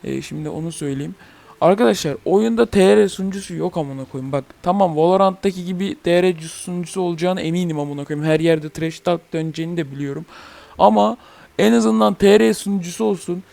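Young man with a high, gravelly voice, ranting. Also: fast, a little mellow, dry recording. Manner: heated, swearing, ranting. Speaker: gaming channel host. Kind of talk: casual gaming rant.

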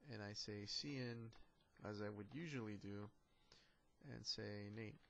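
A man's voice: on the low side, a little slow, vocal fry, fairly bright tone, slight background noise. A man giving a casual programming lecture, joking now and then and talking through code as he writes it. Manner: casual, joking, talks while writing code. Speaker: programming instructor. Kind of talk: classroom lecture.

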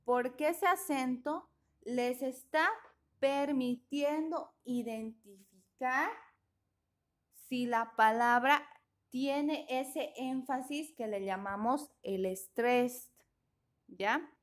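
Female English teacher, slightly high, unhurried, patient online-class delivery. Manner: slow, patient, checks in with students often.

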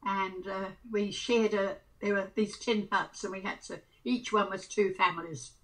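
A very old woman, over a hundred, recalling things in casual conversation and halting now and then to repeat or search for words. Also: mid-range voice, steady tone, fairly bright tone, low-quality recording. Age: over 100. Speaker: interviewee. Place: small room at home, indoors.

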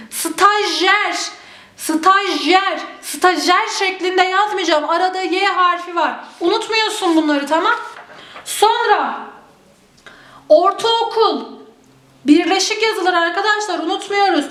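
High-voiced woman teacher, slow and deliberate. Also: a bit bright. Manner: drills words slowly, stretching them out; addresses students directly, checks in often. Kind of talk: exam-prep spelling lesson. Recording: echoey room.

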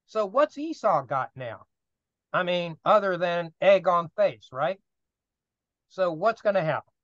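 A man teaching a casual Bible study class, reading scripture aloud and acting out the characters in lively asides. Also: high voice, a little slow, dry recording, lo-fi sound. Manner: animated, reads scripture aloud and acts out the characters with laughs.

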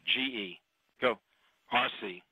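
A man's voice: mid-range voice, slow, pushed and bright, a little hiss or hum, rough recording. A man serving as launch conductor, calling a countdown status poll over a walkie-talkie comms loop in a clipped, terse roll-call delivery. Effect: heard over a walkie-talkie comms loop.

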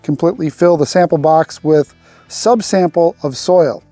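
A man in his forties hosts a homesteading vlog, talking through a farm task in a relaxed, unhurried way with plenty of fillers. His voice is mellow and a touch high, picked up dry on a lapel mic out in an open field. Soft music plays faintly behind him. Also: no echo. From Arkansas. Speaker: homesteading channel host. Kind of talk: casual instructional vlog.

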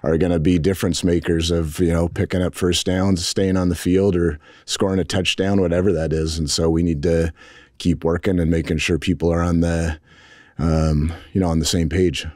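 Low-voiced middle-aged coach at presser. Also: male voice, little pitch movement, darkish tone, no echo, clean studio sound. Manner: measured, frank, with many restarts and fillers. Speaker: head football coach. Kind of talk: post-game press conference. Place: press conference room. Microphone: table mics in front.

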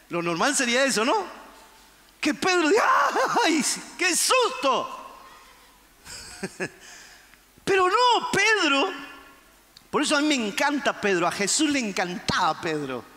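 A male pastor preaching a fervent sermon, shouting and acting out the quotes. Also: extremely high pitch, sing-song, moderate pace, long pauses, big-room sound. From Argentina.

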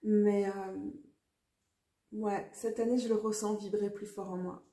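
Chatty French woman, mellow and echoey. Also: mid-range voice, little pitch movement, measured pace. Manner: chatty, self-mocking, laughs often. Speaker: tarot vlogger. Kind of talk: casual talk to camera. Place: outdoors near a garden with birds.

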